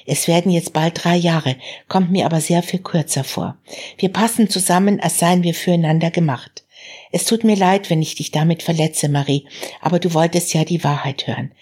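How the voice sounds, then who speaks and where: Woman reading a jovial young man, husky voice. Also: on the low side, moderate pace, a little mellow. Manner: jovial, easygoing. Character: cheerful young man, jovial and slightly tipsy.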